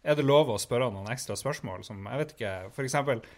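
A man co-hosting a show, chatting casually. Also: medium pitch. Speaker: co-host. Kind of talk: casual chat.

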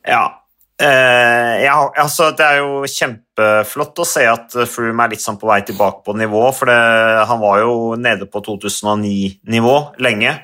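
Casting note: man, podcast host, hesitant chatty delivery, bright forceful voice. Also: medium pitch, steady tone. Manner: hesitant, many fillers and restarts, reads from notes. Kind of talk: casual cycling podcast chat.

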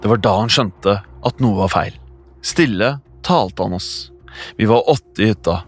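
A man tells a scripted horror story in the first person, steady and hushed. His voice is mid-pitched, with faint music running under the studio recording. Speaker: podcast narrator.

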